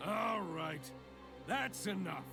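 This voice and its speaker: Man doing a stern mall guard, gravelly voice, sharp tone, faint music. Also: high voice, lively intonation, slow pace, pitched above the performer's own voice, full character voice. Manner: curt, commanding.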